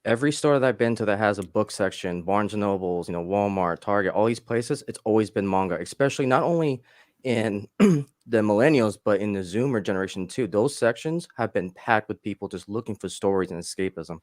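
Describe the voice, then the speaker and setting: A man's voice: lowish voice, a little fast, darkish tone, dry recording, studio quality. A man in a casual panel chat, speaking in a plain, matter-of-fact way. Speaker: panel guest.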